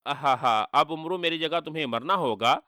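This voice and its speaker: A man's voice: fairly high pitch, animated, normal speed, bright, forceful tone, no room sound, studio quality. A man voicing a boastful, cruel male sorcerer who taunts with spoken laughter, in a storybook reading. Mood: gloating, mocking. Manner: gloating, taunting with read-out laughter.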